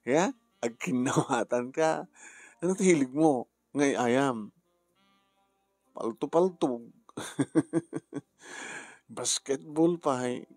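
A man's voice: mid-range voice, a little mellow, dry recording. A man speaking heartfelt family drama dialogue.

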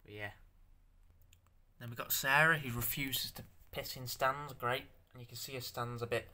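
A young man talking through his handmade stop-motion figures in a casual show-and-tell, halting and stammering, swearing now and then, self-conscious about speaking out loud. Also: mid-range voice, fairly even intonation.

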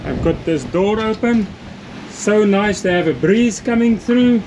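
Slow-talking man on a windy catamaran. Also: high voice, lively intonation. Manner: unhurried, explaining with restarts and chuckles. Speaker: solo sailor vlogger. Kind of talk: casual vlog. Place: on the deck and in the cabin of a sailing catamaran at sea. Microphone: camera held at arm's length. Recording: loud wind and boat noise. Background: wind, water and engine noise.

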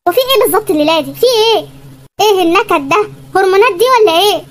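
A put-upon young Egyptian man from a comedy cartoon, muttering sarcastic complaints. His voice is sped-up and very high-pitched, with faint background noise. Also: lively intonation, rapid-fire. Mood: exasperated. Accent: Egyptian Arabic. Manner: grumbling, sarcastic. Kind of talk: animated comedy sketch.

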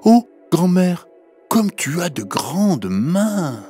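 A man's voice: big pitch swings, very slow, mellow, soft background music, exaggerated voice. A man doing an innocent little girl. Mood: wide-eyed. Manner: wide-eyed, exclaiming, high and breathless. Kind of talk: storybook reading for children.

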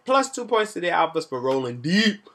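A young man hosting a vlog, reviewing a college party in animated, slangy storytelling with shout-outs. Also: on the high side, moderate pace, very noisy.

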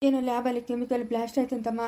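A woman's voice: on the high side, level tone, racing, dark tone, natural voice. A woman playing a worried father who consoles his wife and scolds his daughter in an amateur family drama. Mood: stern.

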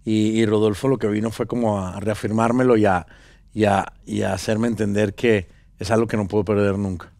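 A man in his thirties with a Venezuelan accent, a guest actor talking casually in an interview, relaxed and rambling with many fillers and restarts, on a studio set with a headset mic. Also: on the low side, a little fast, creaky. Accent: Venezuelan Spanish. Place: pink-decorated talk show studio set. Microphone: small headset mic.

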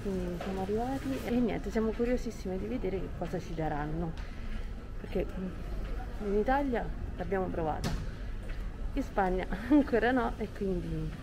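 A woman's voice: mid-range voice, normal speed, background noise. Chatty woman vlogging through a face mask. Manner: chatty and eager, addressing viewers. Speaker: food vlogger. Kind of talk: casual vlog chat to camera. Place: indoors at a large furniture store, seated.

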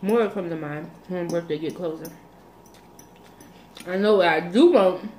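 In a small indoor room, a young woman records an eat-with-me vlog on her phone, and the sound carries a roomy echo plus slight background noise. Her fairly low, warm voice moves a little slowly as she chats to camera, playful, rambling, and folksy.

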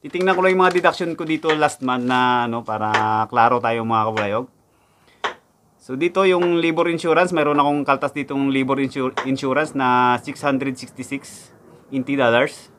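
A young man from the Philippines speaks at a moderate pace in a mid-range voice over a noisy background. In this casual indoor vlog with a backdrop behind him, the overseas factory worker chats about his pay and repeats his numbers.

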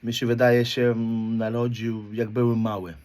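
A Polish motivational speaker in his thirties talks at a normal speed in a medium-pitched, monotone voice with a darkish tone. It's a blunt confessional monologue, loaded with street slang and nonstop swearing, his points often finishing on a questioning "right?".

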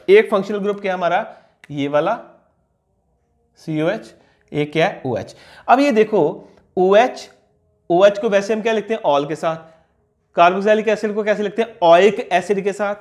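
High-voiced man teaching chemistry. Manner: asks the class questions and answers them himself; repeats key terms slowly. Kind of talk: classroom lecture explaining on a board.

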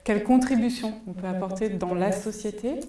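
A woman's voice: medium pitch, fairly quick, mellow. A woman in her forties giving a conference talk, thoughtful and full of hesitation fillers, on a headset mic in a large cinema hall. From France. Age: 40s. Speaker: conference speaker. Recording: echoey hall, voice from far off.

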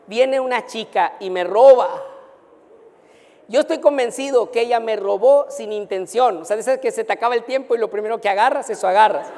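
A male pastor telling a personal story in a lively, anecdotal preaching style. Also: extremely high pitch, brisk. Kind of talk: storytelling sermon. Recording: long hall reverb.

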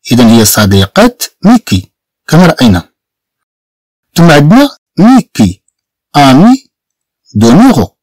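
Moroccan man drilling pronunciation, lively pitch. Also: dry recording. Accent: Moroccan Arabic. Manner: slow, repeats each word several times to drill pronunciation. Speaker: French teacher. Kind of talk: beginner language lesson.

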